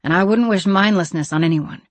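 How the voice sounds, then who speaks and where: A woman's voice: mid-range voice, a little fast, no room sound, close to an everyday voice. A woman reading an audiobook, voicing a blunt, plainspoken frontier woman. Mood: tense. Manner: terse and plainspoken.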